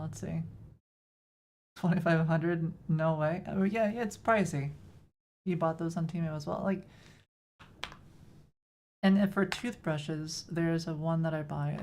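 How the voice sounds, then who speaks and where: Slight background noise sits under this coding stream, where a woman from Texas talks with her chat in a relaxed, self-deprecating way and fields their questions. She has a Texan accent, a fairly low pitch, and a darkish tone.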